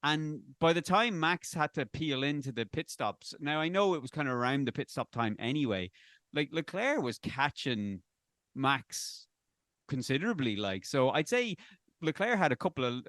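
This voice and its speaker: A man's voice: mid-range voice, a bit bright, no room sound, clean studio sound. A man on a racing review panel, talking casually in a rambling, self-correcting way and speaking bluntly with some swearing. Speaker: panel pundit. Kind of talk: casual race review chat.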